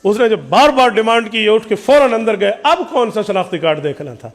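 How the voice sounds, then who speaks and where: A man's voice: high-pitched, animated, in a large hall. A man preacher telling a story dramatically in an Islamic sermon.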